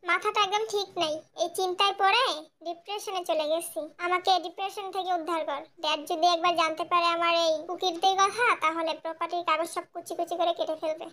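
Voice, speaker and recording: A woman's voice: very high-pitched, fairly even intonation, fast, pushed and bright. A woman voicing a coarse young man who begs a friend for help and then mutters threats. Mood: worried. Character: crude, scheming young man.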